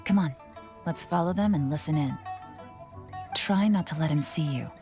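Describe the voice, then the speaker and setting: A woman's voice: low-pitched, normal speed, warm tone, soft background music. A woman playing a cool, self-assured investigator in a video game, composed, commanding and slyly teasing. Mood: quietly commanding. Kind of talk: video game character acting.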